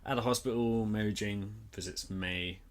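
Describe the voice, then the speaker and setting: A man's voice: on the low side, steady tone, normal speed. A man co-hosting a podcast, recapping an episode in informal, sweary, casual chat and acting out paraphrased lines. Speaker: podcast co-host.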